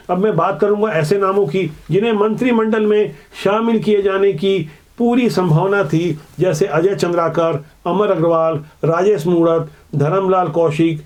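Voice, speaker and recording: A man presenting political news commentary in a measured, explanatory way. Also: sits high, darkish tone. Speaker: news anchor.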